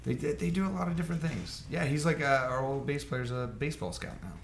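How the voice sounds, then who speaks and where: A man's voice: fairly high pitch, fast, roomy sound, slight background noise. A man guest in a band, chatting casually, laid-back, laughing and swearing easily. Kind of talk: casual chat.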